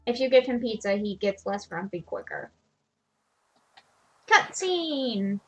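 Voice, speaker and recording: A woman's voice: mid-range voice, very animated, slow, slightly rough, soft background music. A woman streamer giving casual, self-deprecating commentary while playing a farming game. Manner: chatty, self-deprecating, laughs at herself.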